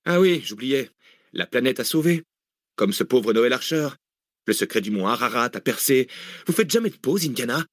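A man's voice: mid-range voice, lively intonation, normal speed, no room sound, pitched above the performer's own voice, natural voice. Male narrator doing a biting, sarcastic woman scientist in an audiobook; raised voice, dry sound. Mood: sharp. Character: angry, sharp-tongued female researcher on the run. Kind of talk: audiobook character voice.

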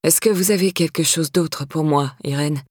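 A withdrawn, grieving young woman with a raspy, tired voice, as a woman reading the story puts her on. She speaks curtly, with quiet irritation, pitched well below the reader's own voice. The recording is close and dry. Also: normal speed, no room sound. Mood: irritated. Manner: curt, irritated.

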